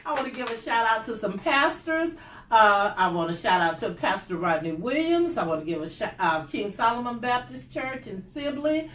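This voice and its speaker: A woman's voice: fairly high pitch, big pitch swings, moderate pace, roomy sound, recorded from a distance. An older woman, an author hosting a book event, giving effusive thank-yous and announcements with cheers. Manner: effusive, cheering, shout-outs. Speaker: author and host.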